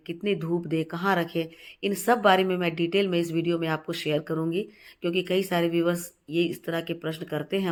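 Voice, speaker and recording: A woman with a heavy, stuffed-up voice from a cold hosts a casual gardening tutorial from her terrace garden. She talks in a chatty way, repeats words and often pauses on fillers. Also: on the low side. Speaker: gardening channel host. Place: home terrace garden, outdoors.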